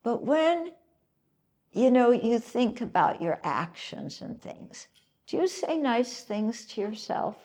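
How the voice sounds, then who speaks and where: A woman giving a self-help talk, coaxing her listeners with rhetorical questions and frequent check-ins, sometimes gently teasing. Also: a little high, sing-song, slow.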